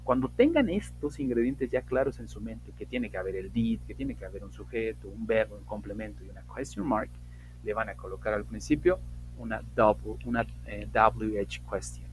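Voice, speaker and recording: A man teaching English in an online class, slowly and emphatically modeling example sentences. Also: lowish voice, very animated, a little hiss or hum, rough recording.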